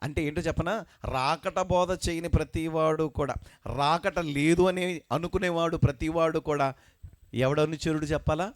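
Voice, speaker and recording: A male pastor preaching a sermon with emphasis, calling on the congregation to answer back and reading scripture slowly. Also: fairly high pitch, steady tone. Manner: emphatic preaching with call-and-response; slows and lifts voice when reading scripture. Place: religious meeting.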